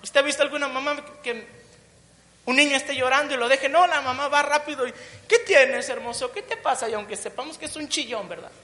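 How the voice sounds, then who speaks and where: A woman's voice: high-pitched, fast, pushed and bright. A woman preaching a sermon, building emphatic repeated phrases and tossing in joking asides. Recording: long reverb of a large hall.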